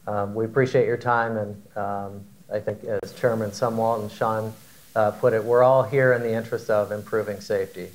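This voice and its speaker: A man in his forties answering as a panelist in a conference hall, measured and hesitant, with many fillers and repeated words. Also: fairly low pitch, fairly even intonation. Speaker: panelist, aviation operator.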